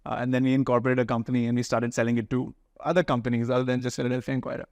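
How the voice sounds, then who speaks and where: A man's voice: mid-range voice, little pitch movement, very fast, vocal fry, darkish tone, no echo. A young man from India with an educated Indian accent, giving informal, explanatory answers as an interview guest.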